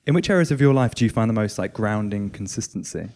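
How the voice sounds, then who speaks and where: A man's voice: fairly low pitch, animated, fast, a little mellow. A man hosting a comedy podcast, teasing his guest with dry, crude jokes. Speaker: podcast host. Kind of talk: casual podcast chat.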